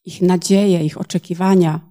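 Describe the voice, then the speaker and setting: A woman's voice: fairly low pitch, steady tone, moderate pace, dark tone. A woman interpreting a sermon phrase by phrase, in a plain manner with small hesitations.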